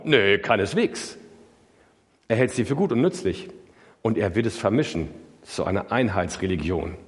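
A man preaching a sermon, emphatic and questioning his listeners directly. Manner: emphatic, swings from loud high outbursts to low quiet asides. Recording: long hall reverb.

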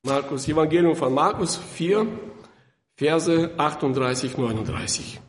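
High-voiced, slow-talking preacher in a hall. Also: male voice. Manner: emphatic, repeats words, stumbles. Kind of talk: sermon with Bible reading.

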